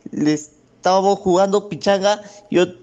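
A male caller telling a joke on a radio show in a halting, giggly way. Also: sits high, a little mellow, muffled recording.

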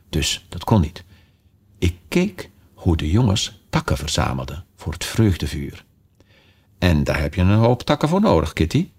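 Male reader playing a chatty little girl in a storybook, fond and scolding, lively pitch. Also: husky, heavily acted. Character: young girl scolding her kitten, chatty. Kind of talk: storybook reading.

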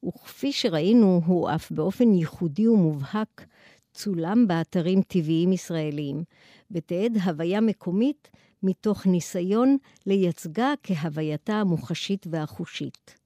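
Academic lecturer: woman, Israeli accent, dark soft-edged tone, formal scripted delivery, very dry recording. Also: on the low side, no echo. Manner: formal, articulate, long measured sentences.

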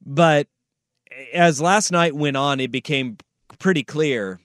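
A male sports radio host with a fairly high voice talks casually. He leans on repeated phrases for emphasis. The studio sound is close and dry. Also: takes it slowly, a bit bright, no echo.

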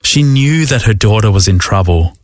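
A man with a low voice narrates a documentary from a script. His delivery is measured and even, and the recording is dry and close, with no room sound. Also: no echo.

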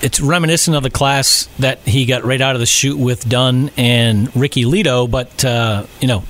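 A middle-aged man from Rhode Island, co-hosting a casual sports podcast chat, talking haltingly with many fillers and restarts. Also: medium pitch, fairly bright tone. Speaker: podcast co-host.

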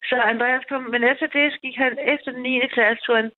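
A woman's voice: sits high, steady tone. A woman in her fifties telling a long personal story on a call-in radio show, rambling, with many restarts and fillers. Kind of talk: casual phone-in storytelling. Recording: tinny phone line, dry.

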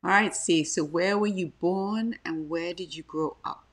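A woman's voice: on the low side, a little slow. A woman co-hosting a faith talk show, asking short questions and giving encouraging replies. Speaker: co-host.

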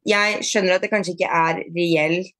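A woman being interviewed on a podcast, chatting casually, with many fillers and restarts and lively retold dialogue. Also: lowish voice, no echo, studio quality. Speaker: podcast guest, bodyfitness athlete.

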